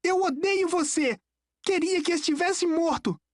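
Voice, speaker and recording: A woman's voice: extremely high pitch, measured pace, no room sound, voice pushed up. A woman with a Brazilian accent voicing a furious, grieving young boy who screams near tears, recorded dry and close. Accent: Brazilian Portuguese.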